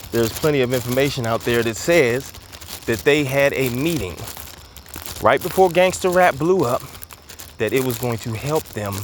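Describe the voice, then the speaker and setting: There's a little hiss or hum as this commentary host talks while walking outside. His mid-range, slightly bright voice carries a loose, emphatic monologue, somewhat out of breath and full of fillers and repeated words.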